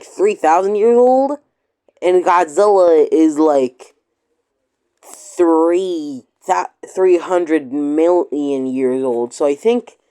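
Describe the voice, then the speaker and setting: Slow, rambling male reaction host. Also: on the high side, dark tone, smooth. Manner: rambling, hesitant, many fillers. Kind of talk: casual reaction commentary.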